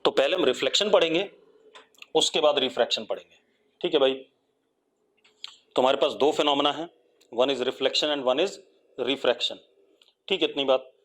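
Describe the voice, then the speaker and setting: Teaching physics live over the internet, this Indian-accented man nudges students along with repeated questions, then waits to hear back. He speaks English at a medium pitch with a fairly bright tone, dictating each definition slowly and word by word.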